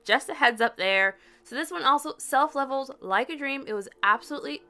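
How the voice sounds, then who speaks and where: A woman's voice: high-pitched, animated, fairly quick, sharp tone. A young woman narrating a chatty, upbeat nail polish review as a voice-over, with the odd giggle at her own slips. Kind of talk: scripted product review voice-over.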